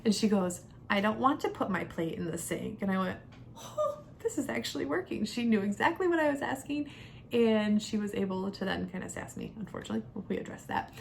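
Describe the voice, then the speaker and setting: Very animated and talking a little fast, the young vlogger and homeschooling mother reviews a product in a chatty, conversational way, emphasizing key words. Her mid-range voice is creaky, with a little hiss or hum in the background.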